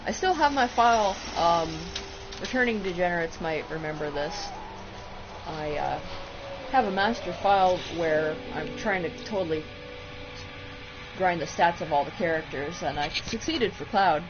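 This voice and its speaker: A woman's voice: fairly low pitch, animated, normal speed. A woman co-hosting a casual let's-play video, tossing off dry, offhand quips. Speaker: gaming video co-host. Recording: dull lo-fi with game music.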